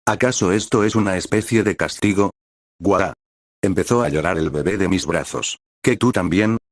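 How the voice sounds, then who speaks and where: Man reading fan fiction aloud, very low voice, dry close sound, dramatic first-person narration. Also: fairly quick, dry recording. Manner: emotional first-person storytelling.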